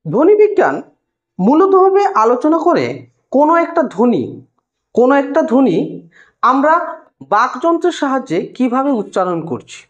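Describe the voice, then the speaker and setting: A woman tutor with a West Bengal Bengali accent explains a lesson step by step to her students and sounds out single sounds slowly. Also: high-pitched, very animated, highs cut off. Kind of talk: recorded lesson lecture.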